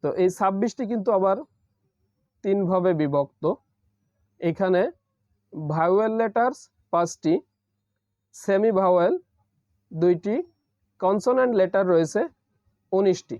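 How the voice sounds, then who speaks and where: A man teaching an English pronunciation lesson, slowly repeating letters and urging viewers to practice again and again. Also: high-pitched, darkish tone, no echo. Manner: encouraging, urges repeated practice. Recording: dull, dry lo-fi recording.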